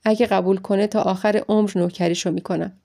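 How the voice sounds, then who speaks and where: A woman's voice: mid-range voice, steady tone, creaky, dark tone, lightly acted. A woman voicing a caring adult man who speaks earnestly and reassuringly, in an audiobook story.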